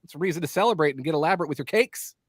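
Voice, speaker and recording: A man's voice: on the high side, lively intonation, rapid-fire, husky, no echo, studio quality. A man guesting on a sports podcast, bantering playfully and joking about snacks. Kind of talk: casual podcast chat.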